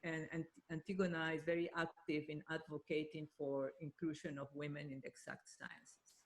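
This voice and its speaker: A woman's voice: sits low, lively intonation, normal speed. A woman hosting an online meeting and moderating a panel, organizing things as she goes and switching between two languages, heard through a computer mic on a video call.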